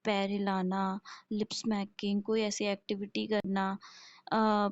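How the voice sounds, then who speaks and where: A woman nursing lecturer teaches at an unhurried pace in a level, steady voice. She poses questions and answers them herself, checking in with her listeners as she goes. The lo-fi recording sounds dull and dry. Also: medium pitch, no room sound. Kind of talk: classroom lecture.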